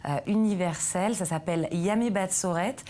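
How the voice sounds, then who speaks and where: A woman's voice: fairly low pitch, normal speed, mellow, slight background noise. A woman hosting a TV culture interview in a studio, asking questions with frequent hesitant fillers. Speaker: TV culture host.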